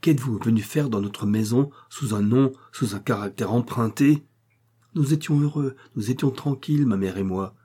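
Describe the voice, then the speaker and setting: A man's voice: medium pitch, normal speed, mellow, husky, natural voice. A man reading the lines of a proud young heiress who vehemently accuses a man, with scornful fervor. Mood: accusing.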